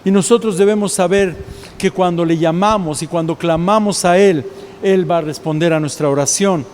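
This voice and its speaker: Mexican pastor, high male voice, storytelling sermon in a reverberant church hall. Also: moderate pace, a little mellow, a little hiss or hum. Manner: storytelling preacher, acts out quoted voices.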